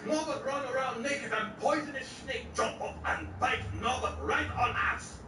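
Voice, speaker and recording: A man's voice: very high-pitched, moderate pace, recorded from a distance, background noise. An actor playing an old male shopkeeper who speaks clipped broken English with a Chinese accent. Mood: blunt. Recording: film audio heard from afar in an echoey room with music.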